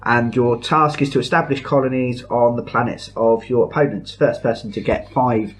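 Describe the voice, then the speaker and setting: Giggly podcast host. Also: male voice, mid-range voice, fairly even intonation, moderate pace. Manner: chatty, giggly, lots of ums. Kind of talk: casual podcast chat.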